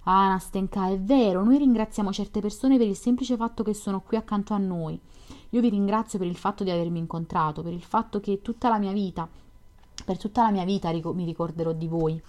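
A woman's voice: medium pitch, fairly quick, a little mellow, lightly acted. A woman voicing a young man from a classic storybook, an eager dreamer who earnestly persuades and reassures. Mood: fervent.

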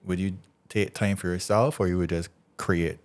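A man hosting a podcast interview, asking questions and warmly encouraging his guest. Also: low-pitched, fairly even intonation, normal speed. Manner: encouraging and supportive. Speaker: podcast host. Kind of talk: casual interview talk.

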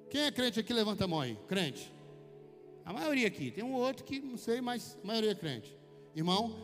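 High-voiced Brazilian man preaching in a hall. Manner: chatty storytelling, addresses listeners as brother. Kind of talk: conversational sermon with personal anecdotes. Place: church hall. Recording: long hall reverb with faint music.

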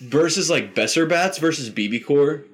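A man's voice: a little high, expressive, moderate pace, slightly rough. A young man talking casually with a friend, his speech loose and full of fillers. He breaks into laughter often while rambling through stories. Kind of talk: casual chat.

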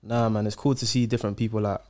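Quick-talking young London roadman. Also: on the low side, little pitch movement, a little mellow. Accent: London, urban slang. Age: young adult. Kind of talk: casual group chat.

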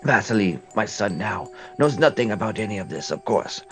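A man's voice: on the low side, sing-song, moderate pace, fairly bright tone, soft background music. A man putting on an old woman's storytelling voice. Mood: grim, proud. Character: elderly mother telling a dark secret.

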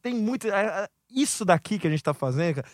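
A man with a Brazilian Portuguese accent, a podcast guest telling a long anecdote in casual slang with quick asides. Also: high-pitched, no room sound, clean studio sound. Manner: lively storyteller, heavy slang, quick asides.

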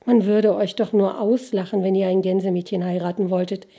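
A woman voicing a poor, modest young girl in a storybook, in a slightly raised, bright voice. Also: medium pitch, flat delivery, fairly quick, vocal fry, slightly rough. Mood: gently refusing. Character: young ragged girl, cheerful yet modest.

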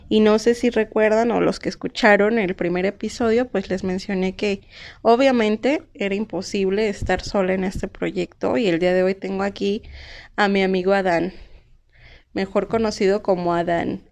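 A woman's voice: mid-range voice, darkish tone. A woman hosting a casual podcast interview, playful and teasing with her guest. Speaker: podcast host.

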